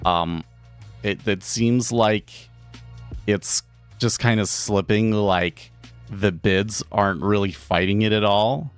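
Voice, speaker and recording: A man hosting a live day trading stream from his home office, talking casually and haltingly, often repeating words. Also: fairly low pitch, steady tone, clear, resonant tone. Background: faint background music.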